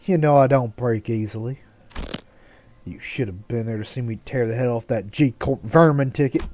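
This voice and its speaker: A man voicing a brash, foul-mouthed, battle-hardened mother with a put-on Southern accent, loud and swearing. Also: mid-range voice, moderate pace, slight background noise, natural voice. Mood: angry. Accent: put-on American Southern.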